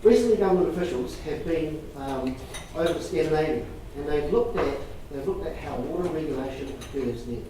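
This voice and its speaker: Male presenter, measured and emphatic through repetition, distant mic in a reverberant, noisy room. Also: on the high side. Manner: measured, repeats phrases for emphasis. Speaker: presenter taking audience questions. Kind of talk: public talk with audience questions.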